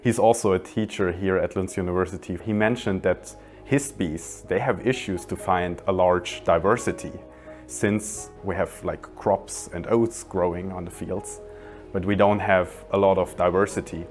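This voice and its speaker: A young man in his twenties with a low, deep voice speaks calmly in a documentary interview, explaining his design project with small restarts. Soft music plays faintly behind him. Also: normal speed. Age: 20s. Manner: calm, explanatory, some restarts. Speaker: industrial designer. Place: indoor hallway by large windows.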